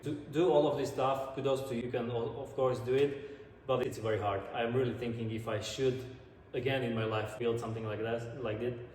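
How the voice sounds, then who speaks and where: A man with a Slovak accent chats earnestly in a casual vlog style. His English is non-native and a little halting, with a medium-pitched voice. The sound is roomy and distant, with a long reverb tail, like a large garage. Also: steady tone, darkish tone. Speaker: drifter and car-building vlogger. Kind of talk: casual vlog talk to camera. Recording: echoey garage, distant mic, background noise.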